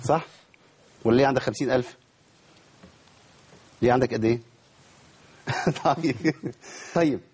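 A husky, slightly mellow male Quran recitation teacher with an Egyptian Arabic accent gives a tajweed lesson at normal speed, with long pauses and a medium pitch. He quizzes his students and models each pronunciation for them.

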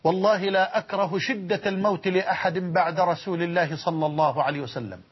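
A man with an Egyptian Arabic accent preaching a sermon, telling stories with feeling and slowing down, dropping low for emphasis. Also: steady tone, husky. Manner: emotive storytelling, slows and drops low for emphasis. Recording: dull lo-fi recording.

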